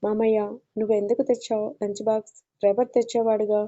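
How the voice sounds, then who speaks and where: Storybook figure: a woman playing a bossy, threatening young lover, monotone, dark, muffled. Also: mid-range voice, fast talker, lightly acted. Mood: concerned. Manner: commanding, threatening. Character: possessive domineering young man in love.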